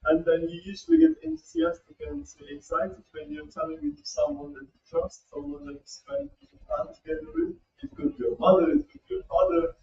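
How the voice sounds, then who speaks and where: High-pitched chatty male lecturer. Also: animated, fairly quick, creaky, a little mellow. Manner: chatty, laughs often, fills with "you know". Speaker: workshop speaker. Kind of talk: lecture on academic writing. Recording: roomy, distant, dull sound.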